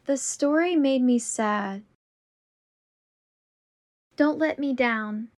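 An American woman teaching English, repeating short everyday phrases slowly and carefully for learners. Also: sits high, a little mellow. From United States. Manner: slow, carefully enunciated repetition.

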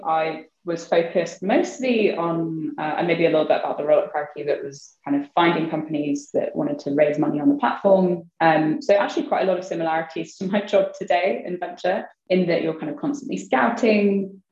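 This young woman, a venture investor, chats casually as an interview guest in a low, darkish voice. Her talk is chatty and full of "like" and "kind of," captured in a roomy, slightly dull recording.

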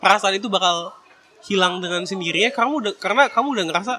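A man's voice: high voice, rapid-fire, bright, forceful tone, a little hiss or hum. A man talking casually to his viewers, giving advice in a chatty, slangy way and slipping in English phrases.

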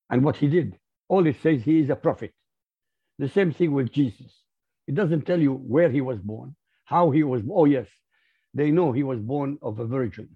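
Husky man with an Arabic accent. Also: mid-range voice. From Iraq. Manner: emphatic, lecturing. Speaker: guest. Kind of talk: interview. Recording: muffled lo-fi audio.

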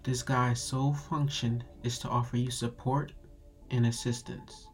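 A man narrating a guided meditation in a calm, soothing, measured meditative tone. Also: medium pitch. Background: music.

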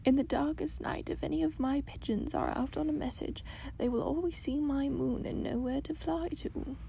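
A woman voicing a gentle, wise, very old grandmother in a storybook, speaking in a soft, hushed half-whisper. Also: sits high, expressive, moderate pace, creaky. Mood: tender.

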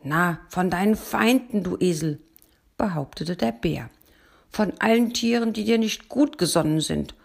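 A woman's voice: fairly low pitch, animated, unhurried, gravelly, exaggerated voice. A woman voicing a male bear who pleads insistently with his donkey friend. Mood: pleading.

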